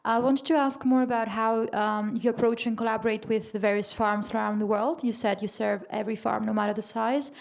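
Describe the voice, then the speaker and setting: A young woman from Greece, a student, asking a polite, clearly structured question from the audience. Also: fairly high pitch, steady tone, fairly quick, hardly any pauses. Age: young adult.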